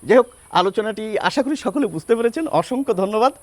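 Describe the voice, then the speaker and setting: Older Bengali man, patient pronunciation teacher, high animated delivery, dry close sound. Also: dry recording. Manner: slow, deliberate demonstration of words. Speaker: language teacher. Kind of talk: explanatory lesson on pronunciation.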